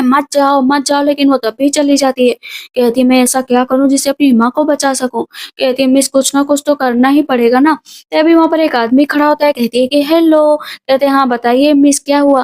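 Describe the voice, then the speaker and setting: High-voiced woman recapping a drama. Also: darkish tone. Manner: retells scenes in a running, conversational way. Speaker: movie recap narrator. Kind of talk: casual drama recap narration.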